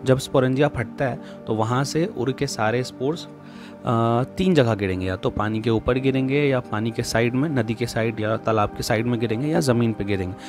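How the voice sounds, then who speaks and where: A man's voice: mid-range voice, moderate pace, over music. A male biology teacher giving a classroom lecture that mixes Hindi and English, explaining step by step, repeating key terms and throwing in jokey asides.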